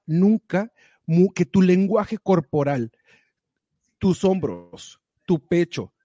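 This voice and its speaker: A man talks in a casual conversation, lively and direct, as he urges the listener on. His voice sits a little high but has a mellow, warm tone. The sound is dry and close, with no room echo. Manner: animated, motivational, direct. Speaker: guest sharing advice.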